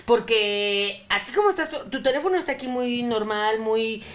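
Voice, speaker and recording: A woman co-hosting a talk show, telling stories in an animated, chatty way. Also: a little high, normal speed, crowd noise. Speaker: co-host. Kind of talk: casual chat.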